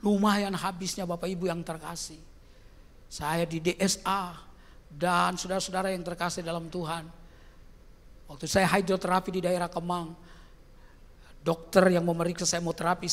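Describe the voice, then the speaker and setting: An older man preaching as pastor in a large church, shifting from quiet storytelling to loud shouted exclamations. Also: high-pitched, level tone, normal speed. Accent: Indonesian. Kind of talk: sermon. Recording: long church hall reverb.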